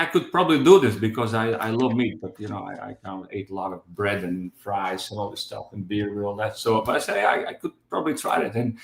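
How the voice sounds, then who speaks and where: Telling his diet story as a casual testimonial, a Croatian guest in his fifties stumbles through many fillers and restarts. His voice is fairly low, gravelly and fairly bright in tone, with a reverberant sound.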